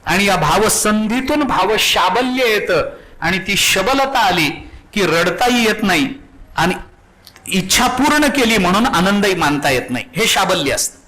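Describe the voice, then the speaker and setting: High-voiced male preacher telling a story. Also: a little slow, rough recording. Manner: expressive, quotes scripture, acts out dialogue. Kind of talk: devotional sermon storytelling.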